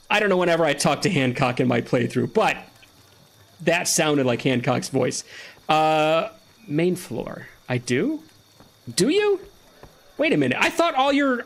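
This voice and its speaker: A man giving casual, joking let's-play commentary while chatting with a friend. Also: on the high side. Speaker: gaming streamer.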